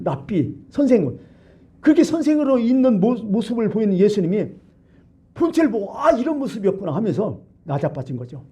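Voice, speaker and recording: A man pastor preaching a colloquial, lively sermon in a church, full of rhetorical questions to the congregation. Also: high voice, breathy edge. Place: church sanctuary.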